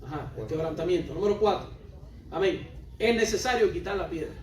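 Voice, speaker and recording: High-voiced preacher in a roomy hall. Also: male voice, expressive, fairly quick, distant mic. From Cuba. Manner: emphatic and repetitive, questions the congregation directly. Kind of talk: sermon. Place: church hall.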